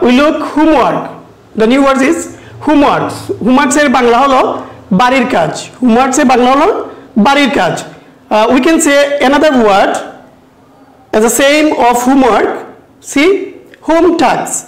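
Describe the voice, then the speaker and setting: Bangladeshi woman teacher, slow and high. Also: echoey room, poor audio. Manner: slow, repeats words, mixes English and Bengali. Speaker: primary school English teacher. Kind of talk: recorded online English lesson.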